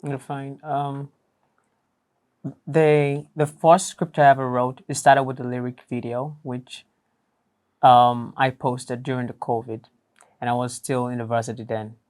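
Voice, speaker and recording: A young man with a boyish voice that lacks deep range, talking casually as an interview guest. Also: level tone, measured pace, darkish tone. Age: young adult. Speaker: interview guest, voice actor and writer.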